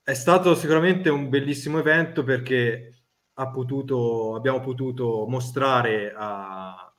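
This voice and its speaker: A middle-aged man talks on a video call with a medium-pitched voice. He is polite and halting, repeating small words as he finds his sentences. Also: a bit bright. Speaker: artisan blacksmith, guest. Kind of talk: spontaneous talk on a live panel. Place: plain-walled indoor room. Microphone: device mic on a video call.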